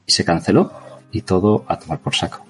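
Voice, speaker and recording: A man's voice: low voice, lively intonation, a little fast, faint music behind. A man with a Spain Spanish accent, a former game developer adding matter-of-fact, wry asides in a casual podcast chat.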